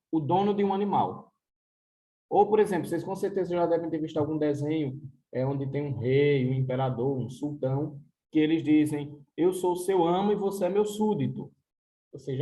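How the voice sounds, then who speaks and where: Brazilian man teaching a class, mellow. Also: sits high, rough recording. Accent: Brazilian Portuguese. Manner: explains slowly, repeats words, checks with "certo?". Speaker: Spanish teacher. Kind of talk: recorded class lesson.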